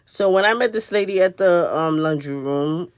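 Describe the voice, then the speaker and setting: A woman's voice: on the low side, normal speed, no echo, studio quality. A woman telling a personal spiritual testimony in an earnest, conversational way, repeating phrases for emphasis. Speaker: spiritual video host.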